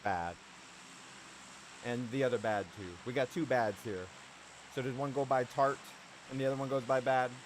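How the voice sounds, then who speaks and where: A man's voice: medium pitch, fairly even intonation, normal speed, long pauses, slight background noise. A man streaming a shooter game live, chatting casually to his viewers as he plays. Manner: casual, chatty, talking to chat. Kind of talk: live gameplay commentary.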